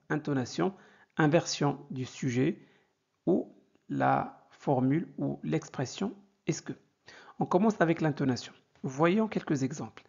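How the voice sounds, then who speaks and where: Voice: mid-range voice, gravelly, a little mellow, breathy edge, dull audio. A teacher giving a grammar lesson, explaining step by step and often checking in with the viewer. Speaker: French teacher.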